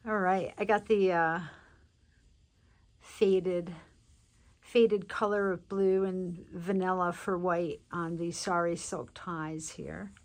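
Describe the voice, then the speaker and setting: Her voice is on the low side and steady as she presents a handmade journal, show-and-tell style. She sounds congested from allergies and talks in a chatty, unhurried way full of fillers and restarts.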